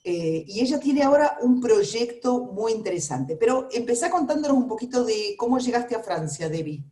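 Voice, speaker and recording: A woman's voice: a little high, sing-song, normal speed, mellow, reverberant. A woman with a Rioplatense Spanish accent hosting a radio interview, chatting with frequent fillers. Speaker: radio host.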